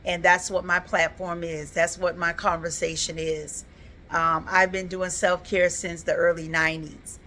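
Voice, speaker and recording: A woman's voice: fairly low pitch, level tone, a little slow, sharp tone, a little hiss or hum. A woman in her fifties, talking earnestly and reflectively in a casual personal vlog, with frequent ums and uhs. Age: 50s. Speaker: vlogger.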